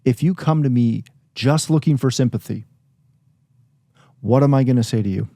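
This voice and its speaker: A man's voice: medium pitch, normal speed, dark tone, dry recording, clean studio sound. A man co-hosting a casual podcast with his wife, blunt, plainspoken and self-deprecating. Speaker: podcast co-host.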